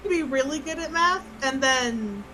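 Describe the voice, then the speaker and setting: A woman co-hosting a podcast in casual chat, quick to laugh and make sarcastic asides. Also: high voice, animated, sharp tone, slight background noise, poor audio. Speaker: podcast co-host.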